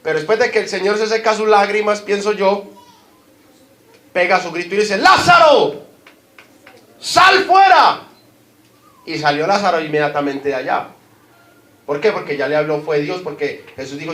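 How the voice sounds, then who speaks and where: A man's voice: fairly high pitch, a little fast. A man with a Colombian Spanish accent preaching a sermon as pastor, putting questions to the congregation and stressing his points. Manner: preaching with rising emphasis, asks the congregation questions. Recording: echoey hall.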